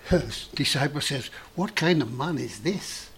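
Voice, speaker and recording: A man preaching a sermon in an earnest, emphatic way with dramatic pauses. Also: medium pitch, breathy edge.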